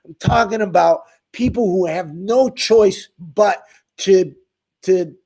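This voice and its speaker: His voice is high, slightly mellow and husky, with vocal fry, and he takes his time speaking. The man is a channel host advocating for the homeless, ranting emphatically and with feeling straight into the camera at his viewers.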